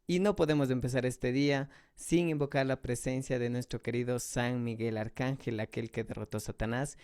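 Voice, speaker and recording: Smooth-voiced devout radio host man. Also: mid-range voice, darkish tone, no room sound, clean studio sound. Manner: measured, devout, slows for prayers.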